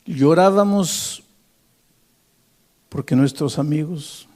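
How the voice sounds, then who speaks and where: A preacher gives voice to a young woman from the church choir. She speaks with calm, earnest conviction. She is plainly grieving. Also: medium pitch, a little slow, slightly rough, in a large hall. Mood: earnest consoling.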